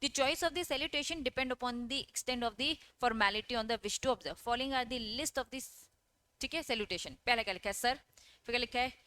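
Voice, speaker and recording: Her voice sits on the high side and comes across bright and forceful, a little slow, with no room sound. She's giving an online exam-prep lecture, reading English lines aloud, explaining them, and repeatedly asking her students questions she then answers, frequently adding "okay?".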